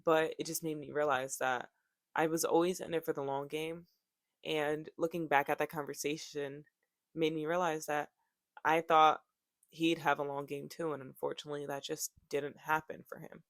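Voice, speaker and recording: A woman's voice: low-pitched, flat delivery, moderate pace, no echo. A woman in her twenties talking casually to camera, rambling off topic, joking and swearing freely. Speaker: YouTuber.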